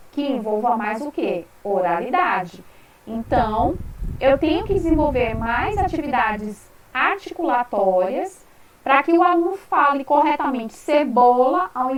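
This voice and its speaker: A woman's voice: sits high, reverberant, far from the mic, low-quality recording. A woman teacher giving an online lecture, explaining patiently and checking in with her students.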